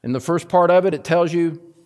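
A man preaching a sermon, earnestly calling his listeners beloved, his voice climbing higher and louder for emphasis before dropping low again, and slowing down on key phrases. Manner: builds in pitch and loudness for emphasis, then drops low. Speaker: pastor.

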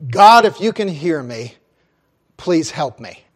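A man's voice: on the high side, big pitch swings, takes it slowly, full character voice. A preacher doing a panicked man hanging off a cliff. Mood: pleading. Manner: yelling and pleading desperately.

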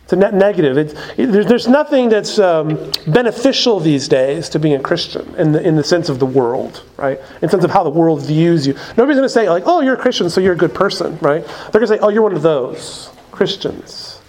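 A man's voice: on the high side, expressive, fairly quick, hardly any pauses, darkish tone. A man preaching a sermon as a pastor, in a conversational way with frequent asides.

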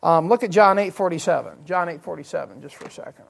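A pastor with a high voice and some vocal fry preaches quickly at a midweek evening church service. He explains Bible verses, repeats his key phrases and asks the congregation rhetorical questions.

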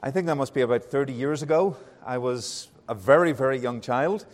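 Man, thirties, Northern Irish accent, pastor, sermon, friendly and unhurried, hesitant fillers, long hall reverb. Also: mid-range voice. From Northern Ireland. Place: church hall.

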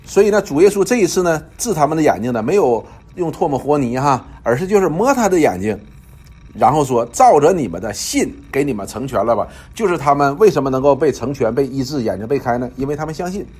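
A man leads a Bible study, his voice a little husky. His pitch swings widely as he explains, and he loops back over phrases with filler particles. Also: animated, fast, darkish tone.

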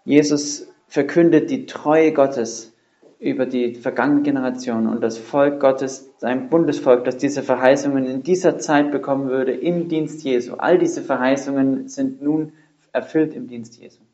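A male preacher with a medium-pitched, mellow voice delivers a sermon at a moderate pace with fairly even intonation. He is earnest and emphatic, leaning on rhetorical questions and repetition. The church recording sounds roomy, dull and lo-fi.

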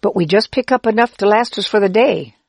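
A woman's voice: medium pitch, a little fast, a little mellow, slightly rough, no echo, studio quality, voice pushed up. A woman voicing a friendly, helpful Israelite man who laughs easily and explains patiently in a children's storybook. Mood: reassuring.

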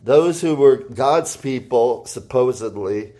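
Slow, deliberate male preacher. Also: medium pitch, lively intonation. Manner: reads scripture aloud, rising for quoted shouts; slow, deliberate delivery with pauses and fillers. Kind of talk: sermon.

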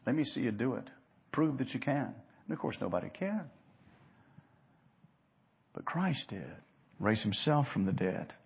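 Preaching an expository sermon, this man shifts from quiet to loud with earnest emphasis, leaning on rhetorical questions and repetition. His medium-pitched voice swings widely in pitch, moves at a measured pace with long pauses, and sounds creaky and slightly rough on a lo-fi recording.

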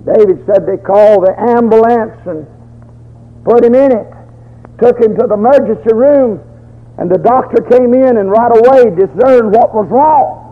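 A man's voice: very high voice, normal speed. An older man preaching a folksy, fervent storytelling sermon, in a dull lo-fi recording.

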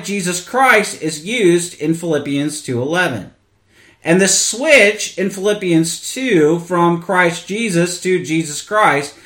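A fairly high-voiced man hosts a podcast, earnestly explaining a theology question. He often restarts his phrases as he teaches. The voice rings in a roomy, echoey space. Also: a bit bright. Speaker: podcast host. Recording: echoey room.

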